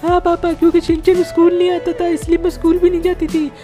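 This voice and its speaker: A man's voice: very high voice, monotone, fast talker, music in the background, pitched above the performer's own voice. A man voicing a lovesick young girl in a game role-play, with a whiny, childish voice. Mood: tearful.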